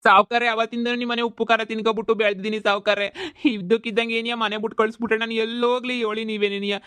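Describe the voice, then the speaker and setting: A man's voice: sits high, smooth, no echo, close to an everyday voice. A man voicing a loyal old male servant who stammers and begs, in a comedy cartoon. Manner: whining, begging, stammering.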